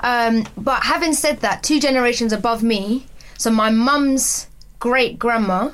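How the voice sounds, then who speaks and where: A woman's voice: a little high, measured pace, a bit bright, smooth. A woman co-hosting a podcast, talking in a thoughtful, rambling way with fillers and restarts. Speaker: podcast co-host. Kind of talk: casual podcast discussion.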